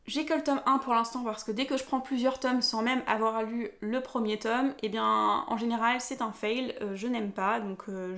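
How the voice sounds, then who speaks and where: A young woman chatting casually at home about the books she bought, enthusiastic and full of little hesitations. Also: fairly high pitch. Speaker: book vlogger. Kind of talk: casual book haul chat.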